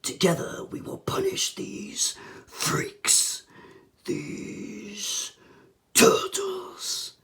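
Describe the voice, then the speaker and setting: A man voicing a menacing, grandiose ninja clan master from a movie in a slow, solemn, breathy half-whisper. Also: very high-pitched, wildly swooping pitch, pushed and bright, voice pushed up, full character voice. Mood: menacing, commanding.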